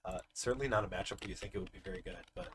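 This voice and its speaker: A man's voice: deep voice, very fast, a little hiss or hum. A man giving live card game commentary, explaining the plays step by step in an analytical way. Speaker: tournament commentator.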